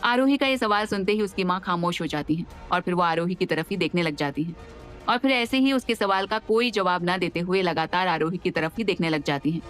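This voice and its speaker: A woman giving steady, expressive scripted narration for an audio drama. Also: medium pitch. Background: faint background music.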